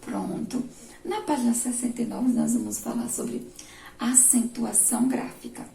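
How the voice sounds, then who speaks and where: A woman primary school teacher with a Brazilian Portuguese accent, giving a remote lesson slowly, step by step, and asking the class questions. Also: on the high side, fairly even intonation, gravelly, mellow. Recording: echoey room, distant mic, faint noise.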